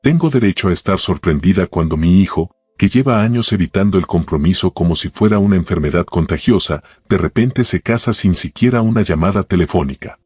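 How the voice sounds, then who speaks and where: A man with a deep, husky voice voicing a shrewd, warm older wealthy woman who questions gently but pointedly. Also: animated, brisk, hardly any pauses, no echo, studio quality. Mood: chiding. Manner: gently probing, affectionate.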